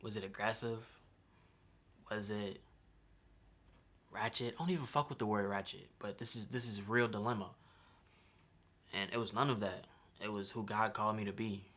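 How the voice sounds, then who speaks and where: Pausing often at a normal speed, a young Chicago man with a lowish, fairly bright voice walks through his custom sneaker design in a casual vlog. He talks in relaxed slang, frequently tagging "right?" onto his sentences.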